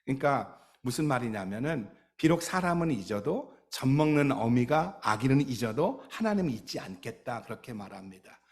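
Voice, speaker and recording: A man's voice: medium pitch, very animated, normal speed, hardly any pauses. A male pastor preaching a sermon, telling stories with emphasis and light humor.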